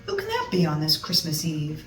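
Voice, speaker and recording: Kindly old storybook grandma acted by a woman, homely, gently hesitant, welcoming; roomy sound, slightly off mic. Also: sits low, wildly swooping pitch, a little fast, voice pushed down. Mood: wondering. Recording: roomy, distant mic, music behind.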